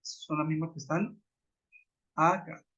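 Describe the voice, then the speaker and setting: A man's voice: fairly high pitch, fairly even intonation, takes it slowly, fairly bright tone. A man teaching an online grammar lesson, patiently repeating example sentences. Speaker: English teacher. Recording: muffled web conference audio.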